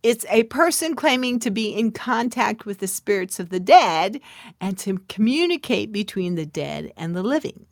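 At a normal speed and medium pitch, a middle-aged podcast host sounds very animated, captured in clean studio audio with no room sound. She jokes around with listeners directly, peppering her talk with asides and laughter and whispering for emphasis.

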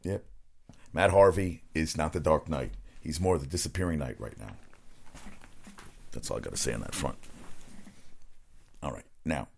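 A man's voice: a bass voice, lively intonation, moderate pace, vocal fry, long pauses, a little mellow, slightly rough. A man hosting his own sports podcast, rambling casually from topic to topic and swearing freely. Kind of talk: casual solo sports talk.

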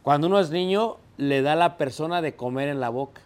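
A man's voice: on the high side, brisk, a little mellow. A man preaching a sermon, putting questions to the congregation, answering them himself and acting out everyday scenes in quoted voices.

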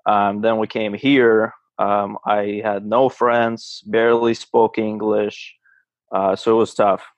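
A man's voice: lowish voice, level tone, slow pace, dry recording, highs cut off. A man from Russia, a guest on a podcast, answering hesitantly with many fillers. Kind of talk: casual interview answers.

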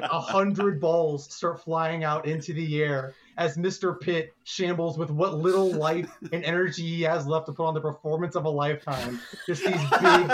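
A man narrating a tabletop game as game master, animated and laughing as he describes the scene. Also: a little high, background noise. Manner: animated, laughing, doing quick voices for crowd figures.

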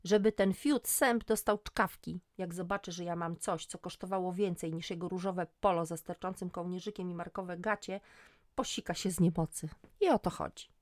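A woman's voice: on the low side, fairly even intonation, moderate pace, no echo, clean studio sound, lightly acted. A woman voicing an emotional, fed-up female friend, talking vividly and indignantly in a storybook reading. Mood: spiteful.

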